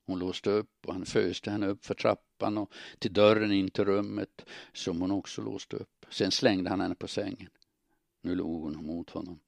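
Gravelly low-voiced male narrator. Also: darkish tone, no room sound. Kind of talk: audiobook narration.

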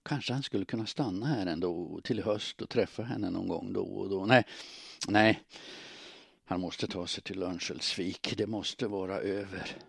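A man narrating an audiobook in a calm, steady storytelling manner. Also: deep voice, vocal fry, slightly rough, no echo, studio quality.

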